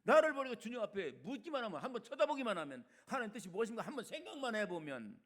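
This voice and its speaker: An older man preaching a sermon as a retired senior pastor, colloquial and chatty, swinging between loud emphatic lines and quiet asides. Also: high-pitched, sing-song, fast talker.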